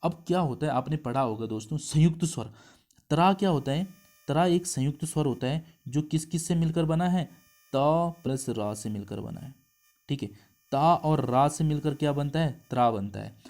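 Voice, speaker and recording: A man from India teaches a Hindi grammar lesson for an exam, speaking in a slightly high, darkish voice. He explains step by step, asks the class questions, keeps checking whether students follow, and sounds out syllables slowly, repeating them.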